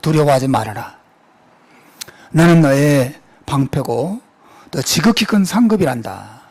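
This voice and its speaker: A man preaching, putting on a gentle, fatherly God who coaxes softly in a lowered voice. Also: sing-song, unhurried, slightly rough, full character voice. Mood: gentle coaxing. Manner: soft, coaxing, lowered voice.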